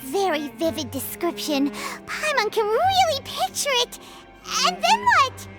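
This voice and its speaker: A tiny floating fairy companion from a video game, her voice extremely high and bouncing wildly up and down. She is endlessly curious and refers to herself in the third person. Game music plays clearly behind her. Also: huge pitch swings, a little slow, heavily acted. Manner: speaks of herself in third person, eager questions.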